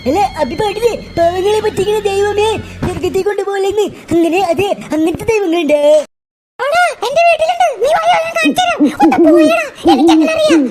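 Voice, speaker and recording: A dubber voicing cartoon schoolkids and a teacher in a comic dub, teasing and exclaiming with loud bursts. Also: extremely high pitch, expressive, a little fast. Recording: loud background music.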